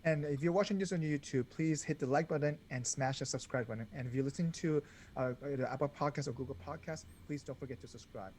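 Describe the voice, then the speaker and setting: A man's voice: medium pitch, fast, a little mellow, a little hiss or hum. A man co-hosting a casual podcast chat, laid-back and rambling, often chuckling. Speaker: podcast co-host.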